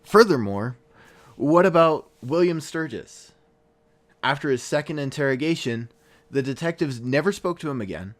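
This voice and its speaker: Playing a weary, sincere podcast sleuth, this man walks through a true-crime case with reflective deliberation and dramatic pauses. He speaks on the higher side with lively intonation and light acting, in a probing mood.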